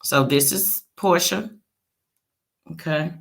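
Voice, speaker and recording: Low-pitched and husky with vocal fry, a woman chats straight to viewers on her laid-back celebrity gossip livestream. She keeps dropping frequent check-ins such as a quick "okay."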